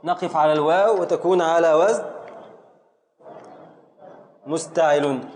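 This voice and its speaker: Middle-aged Egyptian man, slightly high voice, drills poetic metre in a classroom, slow and questioning. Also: darkish tone, slight background noise. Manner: slowly drawing out words to scan metre, quizzing students. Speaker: teacher of Arabic prosody. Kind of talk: classroom lesson.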